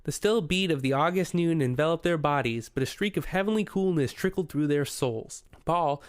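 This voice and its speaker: Smooth-voiced male audiobook narrator. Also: on the high side, normal speed, dry recording, studio quality. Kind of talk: scripted narration.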